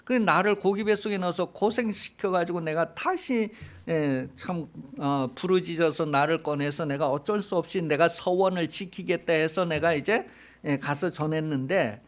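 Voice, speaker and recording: A man's voice: high-pitched, huge pitch swings, a little fast, creaky, hardly any pauses, mellow, breathy edge, voice pushed up, exaggerated voice. A man voicing a resentful male prophet who protests to God in an indignant, whining tone, within a sermon. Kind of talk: sermon storytelling.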